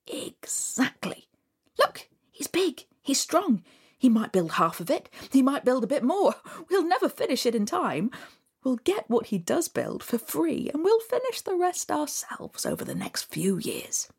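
A woman voicing a mischievous male trickster god, talking quick and scheming. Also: high voice, wildly swooping pitch, creaky, a little mellow, breathy edge, pitched above the performer's own voice, full character voice.

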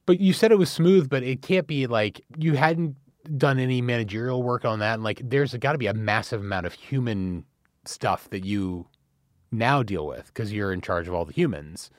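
A man's voice: mid-range voice, moderate pace, no room sound, clean studio sound. A man hosting a podcast, asking questions in a casual, joking way. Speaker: podcast host. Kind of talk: casual interview conversation.

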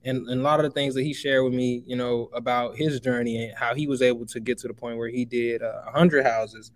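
A young Chicago man in his twenties is a guest in a casual podcast interview, sounding emphatic and motivational and calling the listener bro again and again. His voice is at an average pitch for a man, his intonation fairly even, and he talks a little fast.

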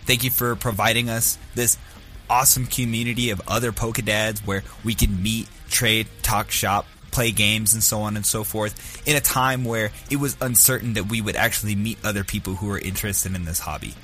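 A man with a low voice and a bright, forceful edge reads a grateful message to the hosts. He keeps it earnest and upbeat. Faint music plays underneath. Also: fairly even intonation, moderate pace. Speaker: podcast intern. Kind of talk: scripted thank-you message.

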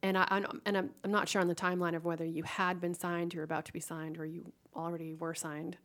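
Chatty woman with a lowish voice hosting an interview. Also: level tone, fast, a bit bright. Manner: chatty, leading questions with long setups. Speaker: podcast host. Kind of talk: casual interview.

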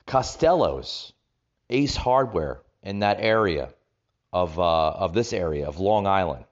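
A man hosting a political commentary podcast, speaking haltingly and repeating phrases for emphasis, recorded with echo in a makeshift room setup. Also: low-pitched, lively intonation, highs cut off. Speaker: podcast host. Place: echoey room in a vacation rental. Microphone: makeshift setup without usual equipment.

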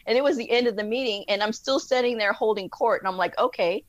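A woman guest in a casual interview, telling lively stories, acting out quotes and laughing often. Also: fairly high pitch, fast talker, lo-fi sound. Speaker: podcast guest.

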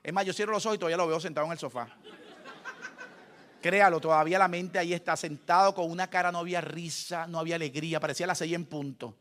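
A man's voice: a little high, steady tone, fast, a bit bright. A middle-aged man, preaching a sermon with humorous family stories and acted-out quotes. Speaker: pastor.

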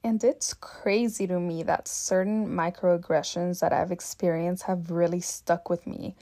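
A woman's voice: lowish voice, steady tone, a little slow, mellow, no echo, studio quality. A young woman hosting a podcast, telling personal stories in a candid, casual way with some swearing. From Mexico and Texas. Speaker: podcast host. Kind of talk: personal storytelling monologue.

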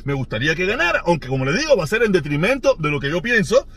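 A Cuban man with a Cuban Spanish accent hosts his own show in a loose, ranting monologue. He sounds mocking and animated and circles back over the same phrases. His voice is husky and sits fairly high for a man. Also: quick pace. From Cuba. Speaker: podcast host.

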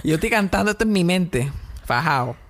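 A young man with a Puerto Rican accent, hosting a podcast and telling comedic stories in a casual, animated way, mixing in English words. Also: sits high, fairly quick. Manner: animated, mixes in English words, acts out scenes. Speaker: podcast host.

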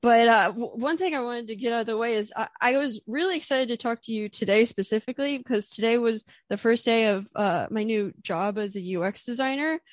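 A woman's voice: on the high side, a little fast, few pauses, dry recording, studio quality. A young woman hosting a podcast, chatty and a bit nervous, with lots of fillers and restarts. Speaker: podcast host. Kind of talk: casual interview.

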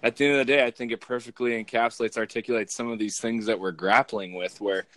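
Hosting his podcast in casual conversation, this pastor talks fast with fairly even intonation, stumbling through many fillers and restarts in a rambling, hesitant way. His voice is mid-range and slightly bright, and the recording is dry.

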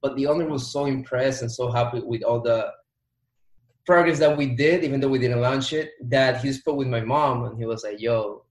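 A young Dominican man in his 20s, appearing as an entrepreneur guest on a casual podcast interview, speaks at normal speed in a mid-range voice. His style is motivational and practical, piling up repeated words for emphasis, and the roomy recording gives him a noticeable echo.

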